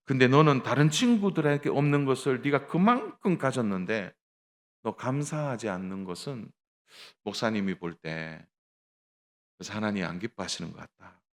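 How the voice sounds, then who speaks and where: Middle-aged male pastor, sermon delivery, animated pitch, acts out the dialogue in his stories. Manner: tells a story with acted dialogue, addresses the congregation directly.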